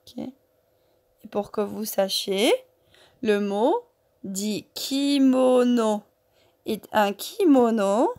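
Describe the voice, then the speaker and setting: Speaking slowly to young children, a woman teaches a workbook lesson in a warm, slightly high voice. She repeats words and syllables and keeps checking in with "ok?".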